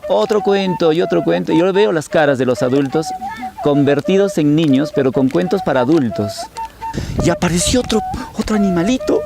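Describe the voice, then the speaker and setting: A man's voice: fairly high pitch, creaky. A man from Huancayo, a storyteller and teacher speaking animatedly in an interview. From Peru, Huancayo. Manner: animated, lively storyteller delivery.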